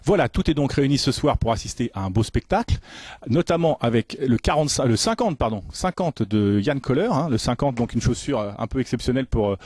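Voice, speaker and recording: A man's voice: mid-range voice, animated, brisk, darkish tone, breathy edge, no room sound. A man presenting and interviewing for a football club video.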